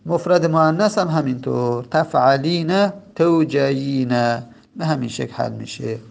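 A man teaching a grammar lesson, repeating each form slowly and spelling it out, with frequent hesitant fillers. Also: medium pitch, gravelly, darkish tone. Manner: patient, repeats forms slowly and spells them out; hesitant fillers between points. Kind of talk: lecture on Arabic verb morphology.

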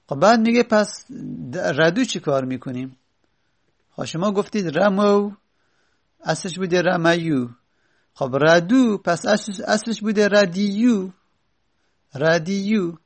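A man's voice: fairly high pitch, gravelly. A male teacher explaining Arabic grammar step by step, repeating word forms aloud.

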